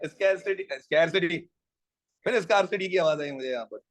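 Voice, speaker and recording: A man's voice: a little high, brisk, no room sound. A man teaching an economics class in a casual, joking way, drilling his students on pronunciation.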